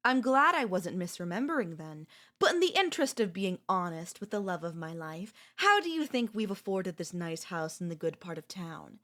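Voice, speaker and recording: A woman performing an ASMR audio role-play as a girlfriend, speaking calmly with a cutting, quietly possessive edge. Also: lowish voice, moderate pace, hardly any pauses.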